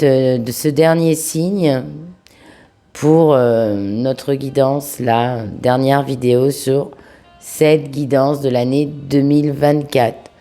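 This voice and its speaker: A woman with a sick-sounding voice giving an informal tarot reading to viewers, speaking familiarly and affectionately, with halting pauses. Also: deep voice, warm tone. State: sick-sounding voice, under the weather. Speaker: tarot reader, host of a video channel.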